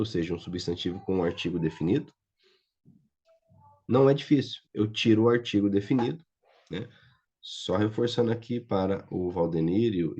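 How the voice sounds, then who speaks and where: In a muffled lo-fi recording, a man teaches a Biblical Hebrew class online with a Brazilian Portuguese accent. His fairly low voice is mellow and husky. He checks patiently and often that students understand, using "tá?" and "certo?"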